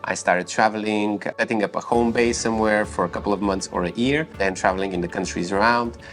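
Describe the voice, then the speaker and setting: A man from Bulgaria in his thirties speaks in a low voice, measured and unhurried, pausing often with small fillers. Soft music plays faintly behind him. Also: steady tone. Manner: measured, with frequent "uh" pauses. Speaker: company founder and YouTuber. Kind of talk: interview answers and direct-to-camera talk.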